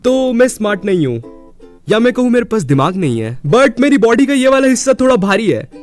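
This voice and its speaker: A young man tells comic school stories in a high, lively voice that swings widely in pitch. He mocks himself playfully, and faint music plays underneath. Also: a little fast. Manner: playful, self-mocking, swinging between voices. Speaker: comedy storyteller. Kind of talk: comedic storytelling monologue.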